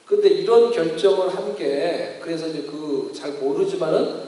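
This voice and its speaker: A middle-aged male pastor telling a personal story in a sermon, lively storytelling that acts out the voices of others. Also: fairly high pitch, normal speed. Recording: echoey hall, distant mic.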